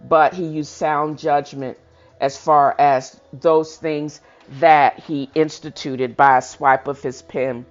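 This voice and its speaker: A reading-show host, speaking slowly in a medium-pitched voice with little pitch movement, reads out a historical speech over faint music. The dull, lo-fi recording catches informal commentary along with occasional stumbles and self-corrections.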